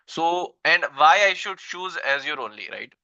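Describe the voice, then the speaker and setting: A man's voice: fairly high pitch, animated, measured pace, pushed and bright, dry recording, dull audio. A man in his thirties with an Indian English accent, teaching an online tech class, repeating himself and checking in with "right?" after each point. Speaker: instructor.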